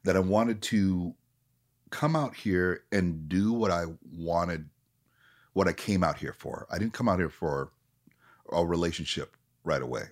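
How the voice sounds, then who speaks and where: This Minneapolis-area actor, a guest in his late forties, speaks in a low voice at a measured pace. He's candid and reflective in conversation, and he tends to restart sentences partway through.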